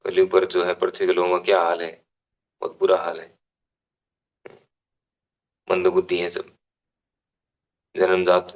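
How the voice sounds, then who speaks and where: A man's voice: deep voice, dull audio. A man giving a devotional scripture class, explaining unhurriedly, restating phrases and giving everyday examples.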